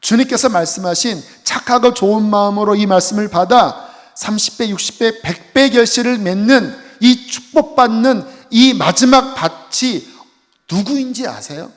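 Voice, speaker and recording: A man's voice: sits high, moderate pace. A man preaching a sermon as a pastor, earnest, pressing his points with rising emphasis. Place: church sanctuary. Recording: echoey church hall with music.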